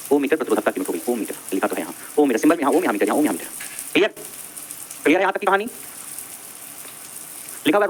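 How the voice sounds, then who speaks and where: A man's voice: fairly high pitch, a little hiss or hum. A male teacher giving an exam-prep lecture on electricity, repeating each definition several times and quizzing his students. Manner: brisk, drilling, addresses students directly.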